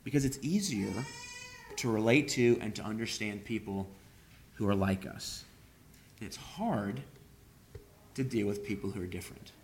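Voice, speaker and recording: A man's voice: lowish voice, normal speed, pauses often, slight background noise. A man preaching a sermon, speaking with frequent hesitations and fillers. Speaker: pastor.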